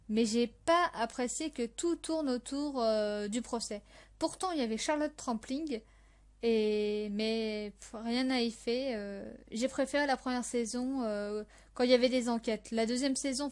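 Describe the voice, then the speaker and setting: A young woman hosting a casual podcast about the series she loves, hesitant and full of fillers and restarts. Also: fairly high pitch. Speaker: podcast host.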